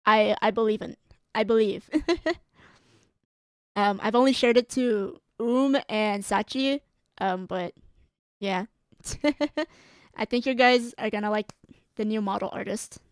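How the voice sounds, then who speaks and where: A woman's voice: mid-range voice, steady tone, measured pace, pauses often, clear, resonant tone, no room sound, clean studio sound. A woman streamer chatting casually as she signs off, giggly and rambling, with a strained, tired voice. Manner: giggly and rambling, with frequent laughs and fillers. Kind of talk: casual stream sign-off chat.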